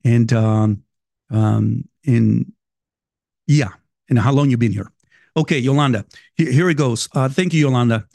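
A man's voice: medium pitch, a little slow, gravelly, pauses often, a little mellow, no room sound, studio quality. A man in his fifties from El Salvador with a Salvadoran Spanish accent, hosting a podcast in a loose, chatty monologue, swearing casually and talking straight to his listeners. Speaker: podcast host. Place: at a desk by his computer.

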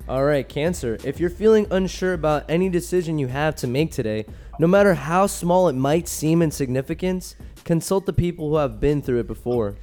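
Man, radio co-host, playful banter, slightly high voice. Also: expressive, fairly quick, few pauses, a little mellow, soft background music. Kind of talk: casual radio chat.

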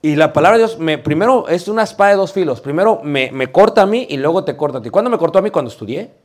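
A man's voice: a little high, fast. A man teaching a homiletics class, joking with his listeners and calling them brothers. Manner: lively, playful, addresses listeners as brothers. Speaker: preaching instructor.

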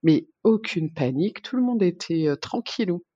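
A woman from France tells a personal story in casual talk, lively and acting out what people said. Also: on the low side, moderate pace, breathy edge, no room sound, lo-fi sound. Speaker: guest.

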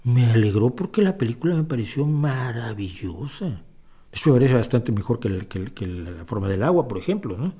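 Middle-aged Mexican male host, mellow voice, lively anecdotal delivery with frequent restarts. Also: mid-range voice, normal speed, breathy edge. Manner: animated, storytelling, piles up emphatic superlatives and restarts. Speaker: podcast host answering listener questions. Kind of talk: live chatty Q&A monologue.

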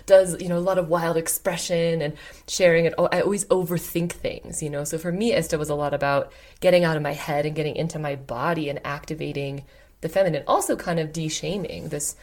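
A woman's voice: low voice, fairly even intonation, brisk, a little mellow. A woman hosting a podcast, talking reflectively and openly with lots of casual fillers. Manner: thoughtful, many "like" and "you know" fillers. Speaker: podcast host.

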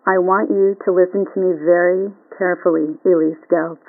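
A woman's voice: fairly low pitch, fairly even intonation, moderate pace. An actress playing a threatening woman caller, heard over a speakerphone, cold and insistent. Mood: menacing. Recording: tinny phone line.

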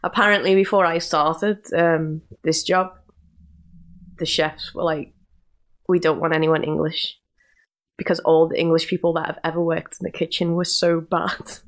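A woman's voice: lowish voice, little pitch movement, normal speed. A woman co-hosting a podcast, chatting casually and telling everyday anecdotes. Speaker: podcast co-host.

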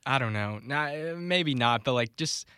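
A man co-hosting a casual podcast chat, chiming in with quick interjections and playful riffs. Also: medium pitch, expressive, bright, forceful tone, clean tone, no room sound, studio quality.

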